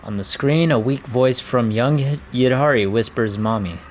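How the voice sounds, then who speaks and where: A man's voice: medium pitch, normal speed, a little hiss or hum. A man playing through a game, reading the story text aloud and commenting, with small slips and restarts. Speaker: game player narrating.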